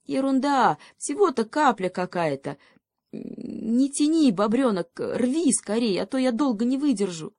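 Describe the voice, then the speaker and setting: A woman's voice: fairly high pitch, lively intonation, unhurried, a little mellow, dry recording, clean studio sound, pitched above the performer's own voice. A woman voicing a small, brave male hedgehog who urges his friend on while stoic through pain, in a storybook reading.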